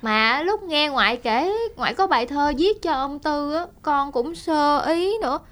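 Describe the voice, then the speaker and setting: A woman's voice: high-pitched, unhurried. A woman playing a polite young granddaughter. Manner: polite, lively.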